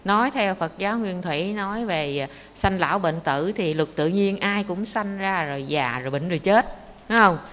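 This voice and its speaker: Nun telling a dharma story, lively, keeps asking the crowd questions, big hall reverb. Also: female voice, fairly low pitch, normal speed. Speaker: Buddhist nun teacher. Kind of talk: dharma talk. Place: meditation monastery hall. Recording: echoey hall with faint noise.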